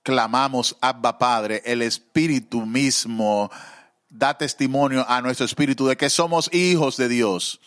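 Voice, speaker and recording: A man preaching a sermon, halting with fillers, then rising into fervent, emotional pleas. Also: mid-range voice, a bit bright.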